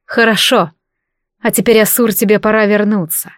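A woman reading the part of a fiery red-haired goddess in an audiobook, with a slow, drawn-out delivery. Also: mid-range voice, steady tone, dry recording, studio quality, close to an everyday voice. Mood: stern. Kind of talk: audiobook narration.

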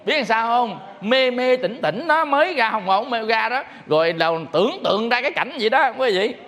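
A man's voice: very high voice, brisk. A man preaches as a Buddhist monk. He tells his stories animatedly, acting out the callers. His voice carries a long hall reverb. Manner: animated storyteller acting out phone calls. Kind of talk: sermon with storytelling.

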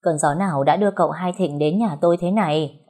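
A man's voice: fairly high pitch, a little fast. A woman voicing an older rural official who greets his guest with effusive courtesy. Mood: courteous. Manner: effusive, flattering.

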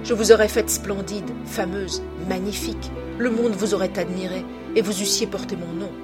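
A woman's voice: medium pitch, steady tone, moderate pace, loud music behind the voice, close to an everyday voice. A woman reading a bitter, scornful young man. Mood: bitter contempt. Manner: cutting, accusing tirade.

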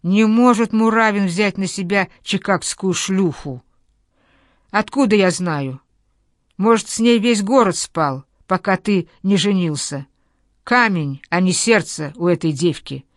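A woman voicing a domineering, furious general's wife with a low booming voice, in a dry recording. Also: unhurried, no echo, natural voice. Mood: wailing, scornful. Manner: low booming voice, raging and scornful.

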